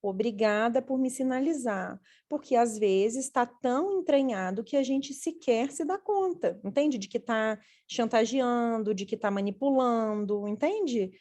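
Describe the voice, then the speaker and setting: A woman who is a parenting educator and mother, telling stories from home in an earnest, animated way. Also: fairly high pitch, measured pace, few pauses. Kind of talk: casual conversation.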